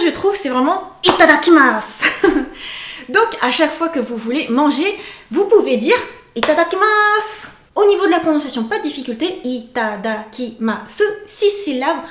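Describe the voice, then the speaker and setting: A woman teaching a casual video lesson, playful and expressive, stretching out her sample words. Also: very high-pitched, roomy sound, a little hiss or hum. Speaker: Japanese language teacher.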